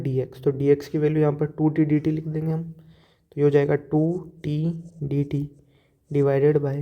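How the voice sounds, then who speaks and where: A man's voice: a little high, highs cut off. A man teaching calculus step by step, explaining problems while he writes and mixing English math terms into his speech. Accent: Hindi-speaking Indian. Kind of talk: whiteboard lecture, step-by-step explanation.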